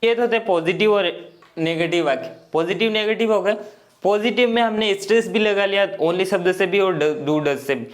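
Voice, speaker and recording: High-voiced man teaching grammar slowly. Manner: slow, repetitive explaining with frequent checks. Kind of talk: explaining grammar in Hindi.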